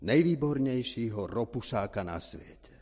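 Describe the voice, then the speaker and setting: A man putting on a loud, proclaiming announcer voice that introduces a performer in a storybook dream. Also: medium pitch, expressive, breathy edge. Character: booming unseen stage announcer voice. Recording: reverberant church hall.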